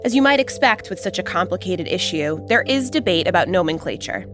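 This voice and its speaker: A woman hosting a podcast in measured, serious scripted narration. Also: lowish voice, expressive, over music. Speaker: podcast host.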